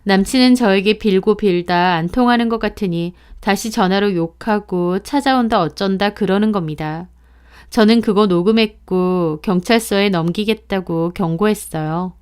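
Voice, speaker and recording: Smooth-voiced young woman narrating a story. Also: medium pitch, normal speed, darkish tone. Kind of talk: scripted first-person story narration.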